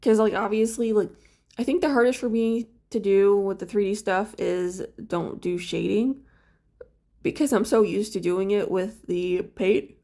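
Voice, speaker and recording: A woman's voice: medium pitch, fairly even intonation, unhurried, warm tone. Give me a sleepy, rambling woman talking casually while she paints. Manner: chatty, rambling, many fillers. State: sleepy, just woke up. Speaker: crafts vlogger.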